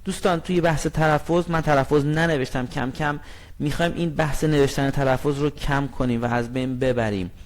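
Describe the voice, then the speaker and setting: Man, language teacher, patient explaining, slow clear example sentences, from Iran. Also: a little high, fairly even intonation. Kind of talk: lesson explanation.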